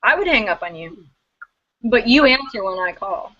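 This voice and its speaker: A woman's voice: on the high side, animated, normal speed, pushed and bright. A woman co-hosting a casual drinking chat, wisecracking and laughing often. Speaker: podcast co-host. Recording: dull lo-fi recording.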